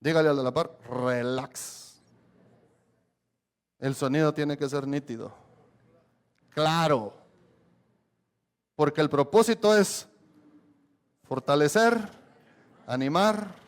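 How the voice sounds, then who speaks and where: A man's voice: a little high, takes it slowly, long pauses. A man preaching a sermon as a pastor, emphatic and repetitive, often asking the congregation questions. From Guatemala. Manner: emphatic preaching, repeats key phrases, asks the congregation questions.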